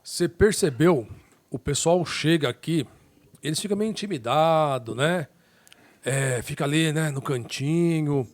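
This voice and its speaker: A man co-hosting a podcast, animated and joking, talking straight to listeners. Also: fairly high pitch, a little slow, no echo. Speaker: podcast co-host. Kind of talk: lively podcast chat.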